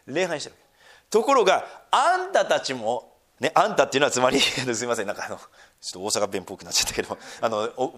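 A middle-aged man preaching a sermon, dropping to near-whispers and then rising to loud, emphatic lines, reading scripture slowly and deliberately. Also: medium pitch. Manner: slow, drawn-out scripture reading. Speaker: pastor.

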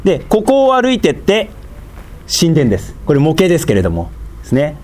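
A man preaching a sermon as a pastor, teaching slowly and deliberately with many fillers and sudden emphatic rises. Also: a little high, wildly swooping pitch, darkish tone.

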